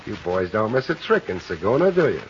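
A man's voice: lowish voice, very animated, a little fast. A man acting a cool, cheeky hard-boiled private detective with a dry, sardonic, slangy delivery in an old radio drama. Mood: flippant. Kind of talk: old radio detective drama, dialogue and first-person narration. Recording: dull, noisy old radio recording.

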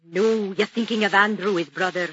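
A blunt Highland housewife. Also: female voice, fairly even intonation, moderate pace, fairly bright tone, slightly rough, no room sound. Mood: brusque. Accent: Scottish Highland. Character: sharp-tongued middle-aged Highland woman, blunt. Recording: dull lo-fi radio recording.

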